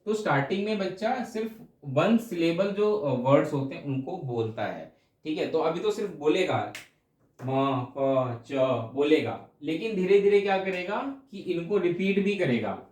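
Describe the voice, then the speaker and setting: A man's voice: high voice, animated, normal speed, a little mellow, reverberant. A male teacher giving an explanatory exam-prep lecture, going over each point again and checking in with his students. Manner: explanatory, repeats points with frequent check-ins.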